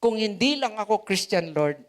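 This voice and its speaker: A man's voice: high voice, lively intonation, normal speed. A man with a Filipino accent preaching a sermon as pastor, asking rhetorical questions and leaning on words for emphasis.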